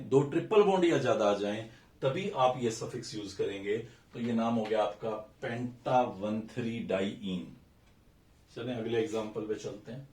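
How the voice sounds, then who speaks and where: A man with a medium-pitched, slightly mellow voice teaches a recorded chemistry lesson in Hindi, mixing in English terms as he explains step by step and counts carbons aloud. The mic is distant, so his voice sounds a bit off-mic in an echoey room with faint ambience.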